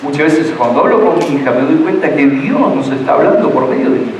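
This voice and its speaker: A man's voice: medium pitch, fast, a little mellow, a little hiss or hum. A middle-aged man, preaching a sermon as pastor, earnest and full of repeated words and restarts. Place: church sanctuary. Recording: echoey church hall, distant mic.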